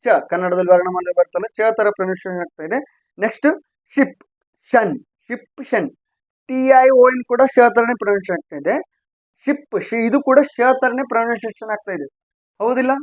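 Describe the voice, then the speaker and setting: A man's voice: sits high, fairly quick, dry recording, dull audio. A man teaching English grammar sounds, repeating points and asking and answering his own questions. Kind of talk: explaining a lesson to viewers.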